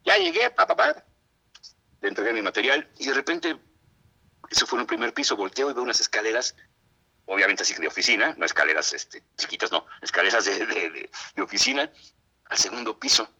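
A middle-aged man with a Mexican accent, a voice actor telling lively stories as a radio interview guest and acting out what others said. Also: on the low side, fast, breathy edge. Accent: Mexican Spanish. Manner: animated, acts out quoted voices.

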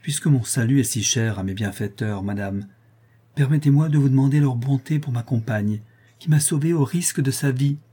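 A man reading an audiobook and voicing a gentle, modest, polite young girl. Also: mid-range voice, moderate pace, breathy edge, natural voice. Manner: soft and polite.

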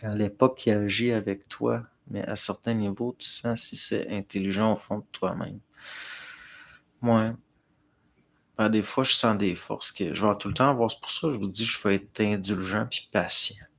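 A man's voice: fairly low pitch, fairly even intonation, moderate pace, creaky, a bit bright. A middle-aged man with a Québécois accent, chatting casually on a livestream and answering viewer comments in a rambling, hesitant way. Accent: Québécois French. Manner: hesitant, many fillers and restarts, talking to chat.

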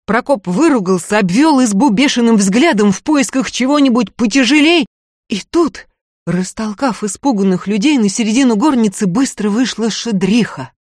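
A woman narrating a folk tale audiobook in a dramatic, expressive reading. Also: on the high side, no room sound, studio quality. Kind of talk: storytelling narration.

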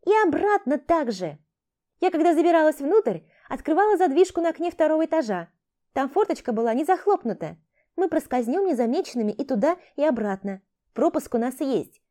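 A woman narrator doing a cocky young female thief with a high, lively, swooping voice that bosses and scolds. The tone stays mellow rather than bright, each line snapped out in a sharp-tongued way in this storybook reading. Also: brisk. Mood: brisk, persuasive. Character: brash young female thief, impatient and scornful. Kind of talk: audiobook character voice.

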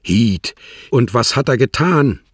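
A man's voice: mid-range voice, animated, normal speed, fairly bright tone, slightly rough, no room sound, clean studio sound, pitched above the performer's own voice. A man reading aloud in an audiobook, voicing a cautious young man who asks agitated, anxious questions. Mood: alarmed questioning. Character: nervous, cautious young man, easily alarmed.

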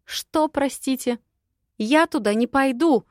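Woman voicing a young bride, shrill, exasperated, sarcastic, audiobook, dry sound. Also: normal speed, no echo, lightly acted. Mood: panicked.

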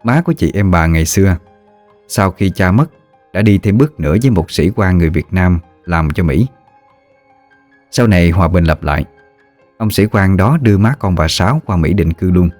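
A man narrating a ghost story in a steady, measured storytelling voice. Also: low voice, dry recording, faint music behind.

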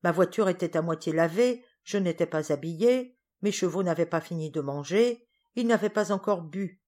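A woman's voice: fairly low pitch, animated, moderate pace, a little mellow. A woman voicing a put-upon male coachman who grumbles and defends himself. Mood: grumbling.

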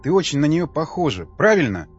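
A man's voice: on the high side, very animated, brisk, husky, muffled recording, soft background music, voice pushed up. A male narrator voicing an older male cosmonaut, an emotional father who pleads with a trembling voice. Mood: pleading.

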